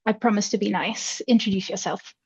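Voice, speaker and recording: A woman's voice: mid-range voice, brisk, slightly rough, no echo, dull audio. A woman hosting a live stream as the anthology compiler, calling on each guest in a playful, teasing way.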